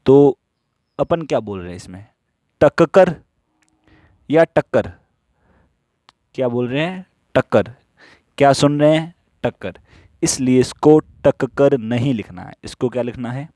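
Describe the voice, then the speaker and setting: A man teaching stenography in a slow classroom style, who asks questions and answers them himself while repeating the rules. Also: medium pitch, expressive, mellow, dry recording, studio quality.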